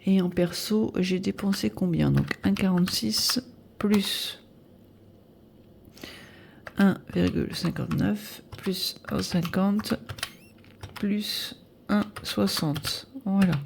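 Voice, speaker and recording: A woman in her fifties chats to camera about her weekly spending. Her voice is gravelly and slightly stuffy and nasal, and she hesitates a lot while working out figures aloud. A faint hiss sits under the recording. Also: mid-range voice, slow, long pauses. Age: 50s. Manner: chatty, hesitant, many fillers, thinking aloud while adding sums. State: nasal from air conditioning. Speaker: budget vlogger. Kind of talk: casual budget review to camera.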